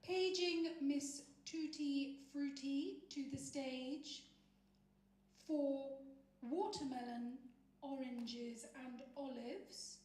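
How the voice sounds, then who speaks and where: A woman putting on the voice of a paging announcer, calling someone to the stage in a slow, drawn-out paging announcement during a spoken-word stage performance. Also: high voice, fairly even intonation, darkish tone. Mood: announcing. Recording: echoey hall from far off, humming background.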